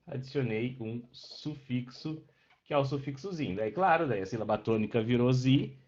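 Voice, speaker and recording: A man's voice: medium pitch, normal speed, a little mellow. A man, teaching a live online class and patiently checking in with his students as he explains. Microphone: webcam microphone. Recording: dull lo-fi online class audio.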